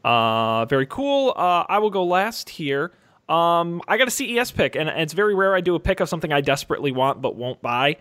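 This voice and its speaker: A man with a slightly high-pitched voice co-hosts a casual podcast. He speaks informally and with enthusiasm, like someone pitching a favorite gadget to his friends. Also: expressive, a little fast, fairly bright tone, clean tone. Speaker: podcast co-host.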